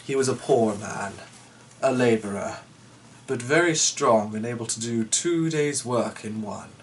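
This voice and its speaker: A man gives a dramatic storybook reading of a folk tale in a medium-pitched, slightly slow voice, caught on a distant mic with faint background noise. He keeps breaking off into chatty, irreverent asides laced with swearing.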